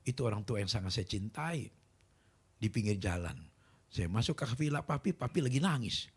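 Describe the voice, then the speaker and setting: A middle-aged male pastor tells his own story from the pulpit. His voice is husky and sits fairly low, but it swings widely in pitch as he acts out the people in the story. Now and then he climbs to loud, emphatic peaks to rouse the congregation. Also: expressive, moderate pace. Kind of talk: sermon with personal testimony.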